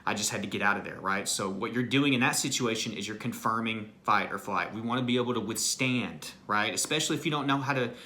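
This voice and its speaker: Bright-voiced man coaching through anxiety. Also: lowish voice, quick pace, hardly any pauses. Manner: earnest, repetitive, peppers lines with "right?" and "you know". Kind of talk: motivational self-help talk.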